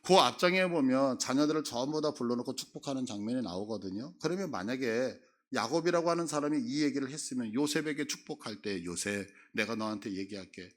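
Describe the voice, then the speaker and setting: A middle-aged pastor with a medium-pitched, fairly bright voice preaches a sermon. He acts out the words of Bible figures, his voice rising suddenly and sharply as he does.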